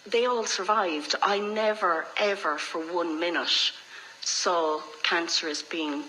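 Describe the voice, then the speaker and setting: A woman's voice: lowish voice, steady tone, slow pace, bright, forceful tone, slight background noise, rough recording. A middle-aged woman with an Irish accent, telling her own story frankly and reflectively as an interview guest. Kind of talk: candid personal storytelling in conversation.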